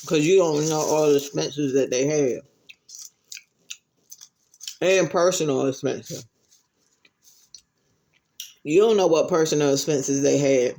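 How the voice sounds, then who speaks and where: A man chatting casually to viewers while he eats, giving earnest advice with pauses between phrases. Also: fairly high pitch, darkish tone, a little hiss or hum. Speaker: mukbang vlogger.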